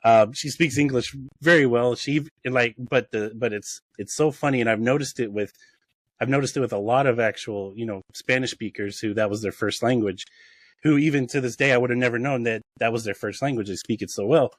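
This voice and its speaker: A man's voice: medium pitch, a little fast, no room sound. A man on a podcast call, telling rambling stories with many restarts and laughing at his own jokes. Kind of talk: casual chat, storytelling.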